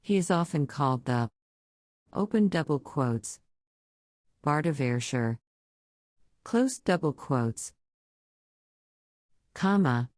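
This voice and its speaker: American lady doing dictation, deep-ish voice, really slow n deliberate, reads out the punctuation. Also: expressive, a little mellow, dry recording, studio quality. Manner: deliberate, measured dictation in short phrases with punctuation called out. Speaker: English teacher reading a dictation exercise. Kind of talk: dictating a scripted text slowly, speaking punctuation aloud.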